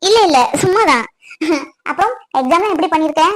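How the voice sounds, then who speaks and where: A woman plays a chatty young college woman in a cartoon, her voice very high. She asks question after question with a bright, curious lilt. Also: animated, a little fast. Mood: shy. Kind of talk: cartoon voice acting.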